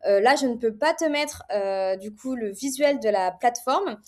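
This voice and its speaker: A woman's voice: fairly high pitch, normal speed. A woman in her thirties casually presenting an online course straight to the viewer, chatty, with many fillers and restarts.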